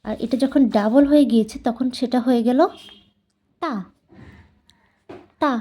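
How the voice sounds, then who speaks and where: A woman's voice: a little high, unhurried, warm tone. A woman teaching a language lesson, patiently repeating each sound several times as she explains.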